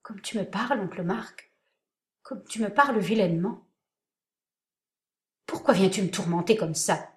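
A woman reading aloud voices a tender, pleading young woman in soft, trembling, half-whispered tones. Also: mid-range voice, a little slow, pauses often, natural voice. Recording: roomy echoing room.

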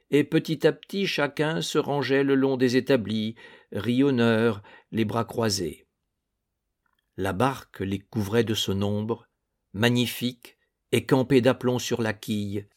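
A man narrating a literary novel in a measured, deliberate reading. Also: medium pitch. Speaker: audiobook narrator.

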